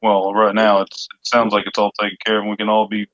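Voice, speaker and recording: A man's voice: fairly low pitch, monotone, quick pace, a bit bright, dry recording. A man chatting casually as a livestream co-host, over a slightly dull, lo-fi voice chat connection.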